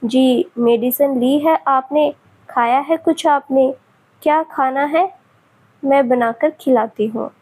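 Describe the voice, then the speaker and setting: A woman's voice: sits high, slow pace, darkish tone. A woman voicing a tearful, sulky young woman who scolds her sick partner in a pleading tone. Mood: tender.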